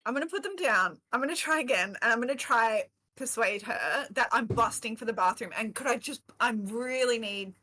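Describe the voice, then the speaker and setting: A woman's voice: on the high side, expressive, a little fast, few pauses, bright, forceful tone, a little hiss or hum. A woman playing a tabletop game, chatty, giggly and hesitant. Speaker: player. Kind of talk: casual tabletop game play.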